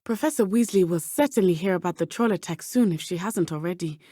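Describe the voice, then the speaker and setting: A woman's voice: lowish voice, dark tone, no echo, clean studio sound, close to an everyday voice. Natsai Onai, earnest teenage witch played by a woman. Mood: earnest, concerned. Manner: precise, measured, formal diction. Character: earnest, brave teenage schoolgirl witch from Uganda. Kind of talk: video game character dialogue.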